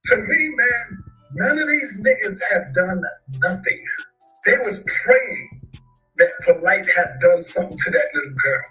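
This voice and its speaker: High animated man heard through laptop speakers. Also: unhurried, soft background music. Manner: boastful, animated, street slang. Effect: played through laptop speakers and screen recorded. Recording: muffled laptop speaker playback, echoey.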